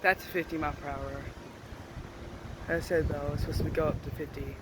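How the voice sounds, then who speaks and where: Higher-voiced man talking into roaring wind. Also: little pitch movement, moderate pace. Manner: talking outdoors with wind in the face. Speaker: amateur weather vlogger. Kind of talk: casual vlog chat. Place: outdoors on a windy porch. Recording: very loud wind noise outdoors. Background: loud wind, wind chimes.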